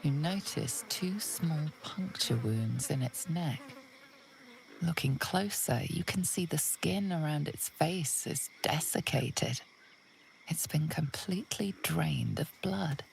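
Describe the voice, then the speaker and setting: Grave fantasy-game narrator, very low and gravelly, slow and deliberate, faint insect buzz behind. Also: female voice, lively intonation, slight background noise, full character voice, low-quality recording. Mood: ominous. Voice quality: gravelly, hushed. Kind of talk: scripted second-person game narration.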